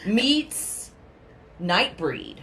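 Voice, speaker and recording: Podcast co-host, woman, casual movie chat, very expressive pitch, faint hiss behind her. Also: drawn-out words.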